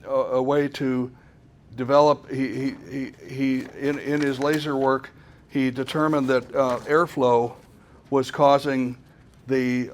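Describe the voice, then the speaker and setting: At a conference, a medium-pitched man presents a casual technical talk, hesitating frequently and repeating words throughout.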